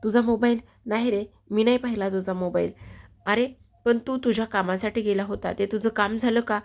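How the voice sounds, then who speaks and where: A woman narrator playing a worried mother-in-law who asks anxious questions and answers defensively. Her voice is flat and gravelly. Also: medium pitch, brisk, close to an everyday voice. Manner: questioning, placating.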